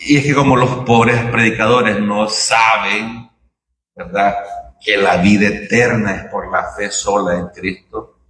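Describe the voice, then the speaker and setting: Echoey, bright-voiced preacher man. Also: on the low side, steady tone, unhurried, far from the mic, slight background noise. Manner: conversational preaching, many rhetorical tag questions. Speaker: pastor. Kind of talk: sermon.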